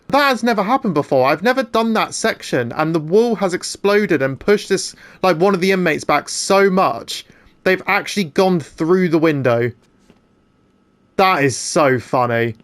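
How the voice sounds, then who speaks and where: Young man in his twenties, gaming YouTuber, excitable chatty commentary, voice sits a bit high. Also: measured pace. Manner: excitable, chatty, frequent restarts. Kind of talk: gameplay commentary.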